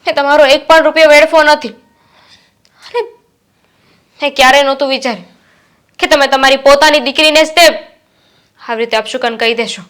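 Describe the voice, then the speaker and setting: A woman acting as a young student daughter, resentful and determined, with a high voice. She scolds her father in firm, steady reproach. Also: normal speed, pauses often. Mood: hurt, defiant. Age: young adult. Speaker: daughter studying to be a pilot. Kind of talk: Gujarati short-film acting.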